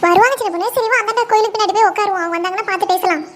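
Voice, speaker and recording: A chatty cartoon village auntie, played by a woman in a very high, piping voice. She gossips in a quick sing-song patter and rattles along briskly. Several women of the neighbourhood share this voice. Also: fairly bright tone. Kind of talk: animated cartoon voice acting.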